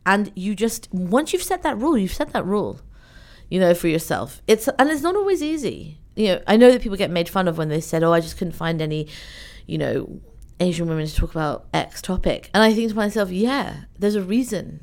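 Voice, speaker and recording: A woman from Iran who grew up in the UK, speaking as a guest in an interview in an animated, chatty way with many fillers. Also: medium pitch, brisk. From Iran, raised in the UK. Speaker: event organizer, guest. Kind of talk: conversational interview.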